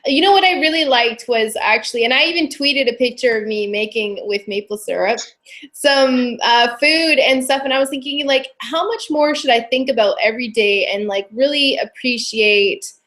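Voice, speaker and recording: A woman co-hosting a casual book club live stream, enthusiastic and quick to laugh. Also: a little high, a bit bright.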